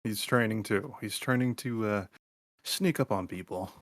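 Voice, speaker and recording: A man playing a tabletop role-play game, joking in a deadpan way with hesitant fillers. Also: lowish voice, moderate pace, no room sound, clean studio sound. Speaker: player.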